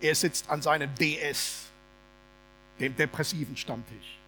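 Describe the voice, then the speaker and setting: A male preacher giving a sermon as a lively, humorous, colloquial story. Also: fairly high pitch, unhurried, slight background noise.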